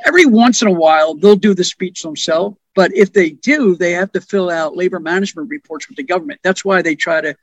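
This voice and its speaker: A man's voice: high voice, brisk, hardly any pauses, no room sound, poor audio. A man, a union organizing director, talking plainly in a podcast conversation and telling stories with asides.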